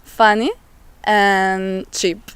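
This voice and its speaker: Young woman from Italy, very slow and flat, clear smooth tone. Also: mid-range voice, dry recording. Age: young adult. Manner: short clipped answers. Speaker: youth exchange participant.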